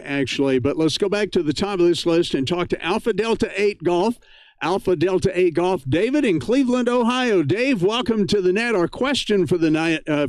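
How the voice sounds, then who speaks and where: A man's voice: fairly high pitch, clear, resonant tone, no echo. An American man, middle-aged or older, hosting an amateur radio net in a chatty, folksy, casual way.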